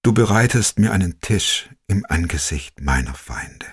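A man voicing a frail dying old woman who slowly recites a psalm in a faint, croaking voice. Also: deep voice, expressive, full character voice. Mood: peaceful.

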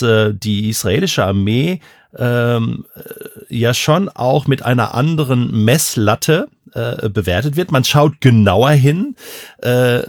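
A man's voice: mid-range voice, no echo. A male podcast host with a mid-range voice leads a conversation in a friendly, somewhat hesitant way. He uses many fillers. The recording is dry and close, with no room sound.

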